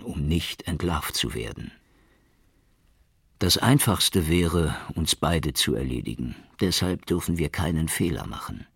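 A man's voice: sits low, gravelly, breathy edge, dry recording, studio quality, heavily acted. A man voicing an earnest, cautious male police inspector in an audiobook. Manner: earnest, measured.

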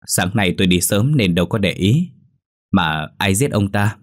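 A man's voice: low-pitched, expressive, normal speed. A man voicing plain, chatty village farmhands who gossip offhandedly.

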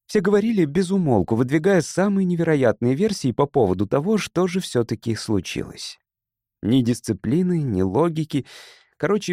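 A man's voice: a little high, warm tone, no echo, clean studio sound. Man reading an audiobook expressively. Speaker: narrator. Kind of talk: audiobook narration.

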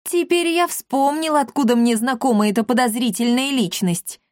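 A woman voicing a brash male talking cat who shouts and boasts. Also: on the high side, normal speed, no echo, clean studio sound, close to an everyday voice. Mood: excited. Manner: shouting, excited.

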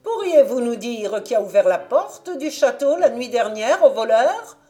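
A woman's voice: fairly high pitch, very animated, unhurried, mellow, faint music behind, pitched above the performer's own voice. A woman reading a storybook aloud and voicing a bold rooster who challenges a doorman. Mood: challenging. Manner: challenging, pert.

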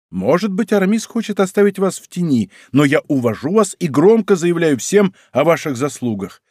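A man's voice: on the high side, warm tone, husky, dry recording, studio quality, pitched above the performer's own voice. A man playing a shrewd, witty middle-aged musketeer captain who speaks slyly and persuasively in a raised tone, in a storybook reading.

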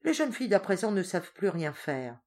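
A woman voicing a greedy, scolding older peasant woman in a storybook reading, with a shrill, grumbling and wheedling manner. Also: sing-song, a little fast, a little mellow.

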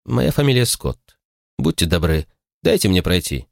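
This is a cold, haughty man who brushes everyone off, as a man reads him. His voice stays low and disdainful. The reading is dry and close. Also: sing-song, moderate pace, gravelly, no echo, exaggerated voice.

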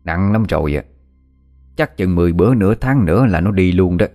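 A man's voice: deep voice, expressive, brisk, mellow, soft background music. A man voicing a stern, greedy old healer woman. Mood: grim. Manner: dismissive, matter-of-fact. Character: greedy, stern older female folk healer.

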